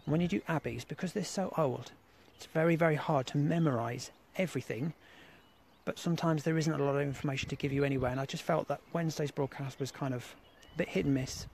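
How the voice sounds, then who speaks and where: Dude live streaming outside on his phone, bit higher voice, rambles on, faint noise around. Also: fast talker, creaky, darkish tone, low-quality recording. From England. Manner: rambling, repeats fillers and restarts phrases. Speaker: host of a live exploring broadcast. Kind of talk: casual live-stream monologue. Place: outdoors at an abandoned rail site.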